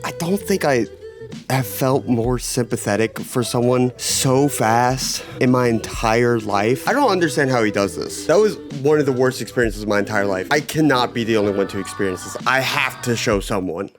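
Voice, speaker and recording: A man's voice: medium pitch, normal speed, hardly any pauses, over music. Profane, jokey young man vlogging. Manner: jokey, profane, self-mocking. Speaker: YouTube music creator. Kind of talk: comedic vlog narration.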